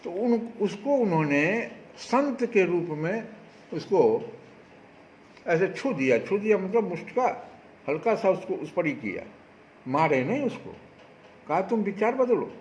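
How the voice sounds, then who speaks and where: Guy preaching a spiritual talk, bit high voice, asks the crowd questions, muffled recording with faint background noise. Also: takes it slowly, roomy sound. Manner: animated preaching with rhetorical questions. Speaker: spiritual speaker. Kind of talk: devotional discourse.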